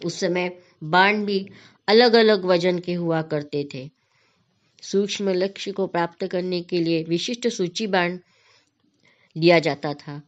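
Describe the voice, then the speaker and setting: Woman, devotional teacher, slow and measured, somewhat low voice, dull lo-fi recording. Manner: measured, repeats phrases while searching for words. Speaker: spiritual teacher explaining verses. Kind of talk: slow devotional explanatory talk.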